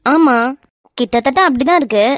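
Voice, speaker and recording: A cheeky young man in a cartoon, forever complaining and teasing, voiced by a woman. His voice is high, with a Kanyakumari Tamil accent. The recording is dry and close. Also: normal speed, no echo, natural voice. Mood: whiny teasing. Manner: whiny, teasing.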